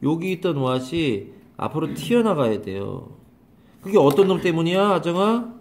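A man's voice: fairly high pitch, big pitch swings, unhurried, darkish tone. A man teaching an English grammar lesson to a class, calling on students by name, repeating questions and scolding them. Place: small classroom.

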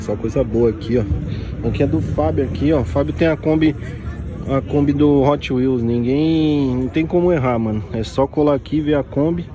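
A Brazilian vlogger with a São Paulo accent walks through an outdoor market, chatting casually and in slang on a handheld camera. His voice is mid-range, crowd and street sounds surround him, and the recording is low quality.

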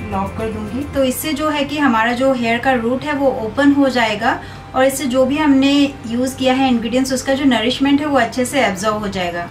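A young beauty vlogger with a slightly high voice walks viewers through her hair care routine step by step, calm, patient and instructive. Seated some distance from the camera's mic in a small indoor room, she sounds far off, with clear music playing behind her throughout.

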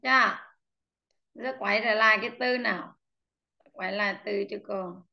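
A woman running an online English class calls on her students by name and patiently drills how vocabulary words are pronounced, slowing down to repeat each one. She speaks in a creaky mid-range voice with a steady tone, heard over slightly muffled video call audio.

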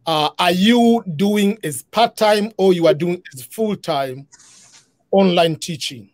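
The host, a middle-aged man on a video call from his living room, speaks slowly in a high-pitched voice with no room sound. Conducting the live online interview earnestly, he restarts often and leans heavily on "uh" fillers.

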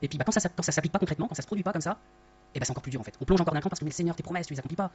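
A man giving an earnest, conversational Bible study talk, often rephrasing himself, his voice masked by voice-disguising software on a dull, lo-fi recording. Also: on the high side, expressive, rapid-fire, husky. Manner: earnest, rephrases often, tags lines with "hein". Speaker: Bible teacher. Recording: dull lo-fi sound.

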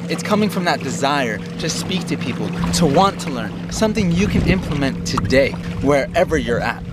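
A young man hosting an energetic, slangy motivational vlog from a small sailboat, talking into a camera held at arm's length. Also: fairly high pitch, normal speed, loud music behind the voice. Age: young adult. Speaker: vlogger host. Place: small sailboat on open water outdoors. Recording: wind and water noise outdoors. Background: wind and water.

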